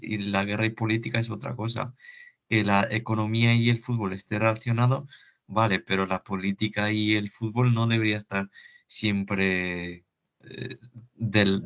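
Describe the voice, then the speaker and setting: Male panelist with a fairly low voice who sounds hesitant, muffled lo-fi audio. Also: a bit bright. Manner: hesitant, many fillers and restarts. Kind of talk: debate talk. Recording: dull lo-fi audio.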